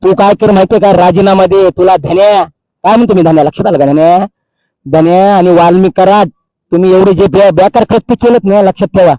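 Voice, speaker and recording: A man's voice: high voice, fairly even intonation, a little fast, dark tone, no room sound, rough recording. A man, a social activist delivering an angry, accusing public tirade and repeating phrases for emphasis. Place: outdoors by a Holi fire.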